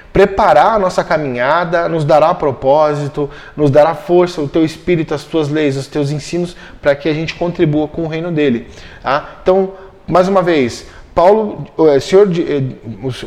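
A man's voice: a little high, a little mellow. A man teaching a Bible study, explaining step by step and checking in with his listeners often.

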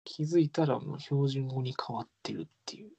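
A man's voice: mid-range voice, brisk, creaky, mellow, husky. A young man with a Kansai accent, chatting casually as a podcast co-host, laughing often and trailing off. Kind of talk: casual chat.

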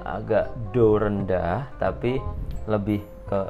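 A woman's voice: very deep voice, takes it slowly, gravelly. A woman from Central Java in casual chat as a podcast co-host, explaining slang playfully with acted examples. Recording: slightly dull sound with faint guitar music.

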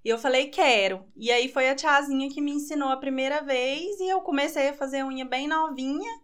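A woman in her thirties with a Goiás Brazilian accent, a guest speaking in relaxed, matter-of-fact chat with light laughs. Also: high-pitched, fairly quick. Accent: Goiás Brazilian Portuguese. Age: 30s. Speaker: guest, manicurist. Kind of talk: casual interview chat.

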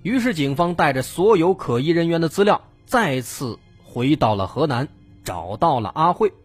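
A man's voice: fairly high pitch, breathy edge. A man narrating true crime as a dramatic storyteller, building suspense with questions.

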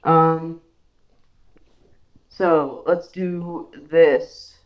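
A man's voice: on the high side, fairly even intonation, extremely slow, dull audio. A man running a tabletop game as game master, playful and teasing, often stopping and restarting his sentences.

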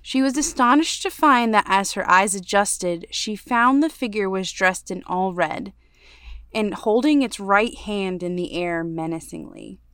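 A woman podcast host reading a ghost story aloud in a measured, storytelling way, going hushed on the dark parts. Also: medium pitch, clean tone, dry recording, studio quality.

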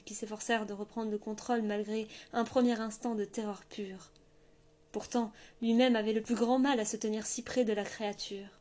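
A woman narrating a fantasy novel in a steady, measured storytelling voice. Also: medium pitch. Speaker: audiobook narrator. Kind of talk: scripted narration.

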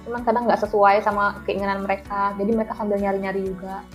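A woman's voice: mid-range voice, level tone, fast, faint music behind. A young woman, casually telling her story in slangy talk and laughing often as an interview guest.

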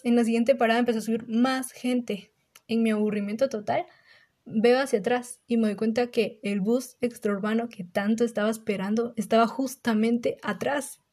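Young woman, slightly high voice, mellow tone, animated storytelling. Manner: animated, acts out her own reactions in quotes. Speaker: podcast host. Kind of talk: casual anecdote storytelling.

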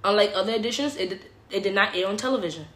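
Woman hosting trivia, medium pitch, casual, roomy echo on her voice. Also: very fast, fairly bright tone. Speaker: quiz host. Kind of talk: casual trivia hosting, reading questions aloud. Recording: echoey room.

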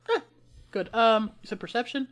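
A woman's voice: a little high, lively intonation, normal speed. Giggly woman running a tabletop game. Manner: giggly, teasing, lots of filler words. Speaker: game master.

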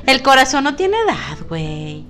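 Bright-voiced Mexican woman in her forties. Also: high voice, normal speed, soft background music. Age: 40s. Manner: expressive, laughs often, slangy. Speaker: podcast co-host. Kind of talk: casual chat.

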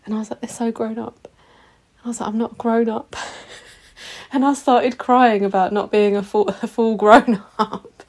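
A woman's voice: on the high side, level tone, normal speed, darkish tone. Chatty, cheeky British woman podcaster. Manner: chatty, confessional and self-mocking, with frequent giggling; cheeky, sweary, informal. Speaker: podcast host. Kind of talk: casual solo podcast chat.

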